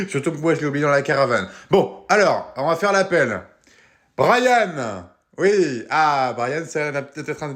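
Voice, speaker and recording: A man's voice: fairly high pitch, voice pushed up. A man playing a fake-cheerful, sarcastic summer camp counselor in a comedy sketch.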